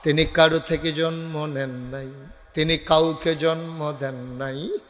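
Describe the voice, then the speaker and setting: Bright-voiced preacher chanting his sermon. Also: a little high, fairly even intonation, slow pace, in a large hall. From Bangladesh. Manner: breaks into sung, chanted delivery and rouses the crowd to call back; banters with the audience and gives directions to the crowd. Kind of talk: Bengali waz sermon. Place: large night gathering.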